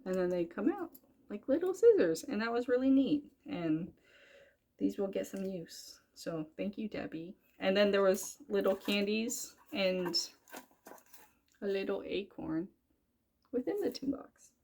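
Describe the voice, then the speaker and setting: A woman's voice: medium pitch, lively intonation, a little slow, a little mellow. A young woman talking casually about her cross-stitch projects, rambling and correcting herself as she goes. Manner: chatty, rambling, self-correcting. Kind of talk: casual chat.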